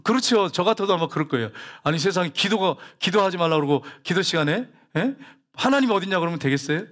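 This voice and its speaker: A man's voice: high voice, lively intonation, fast talker, a bit bright. A man preaching a sermon to his congregation, telling stories and asking the congregation questions. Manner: folksy storytelling, rhetorical questions, acted quotes. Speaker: pastor.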